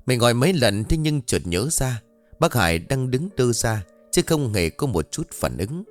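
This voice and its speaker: A man narrating a ghost story in an expressive, animated way. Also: mid-range voice, normal speed, no room sound, faint music behind.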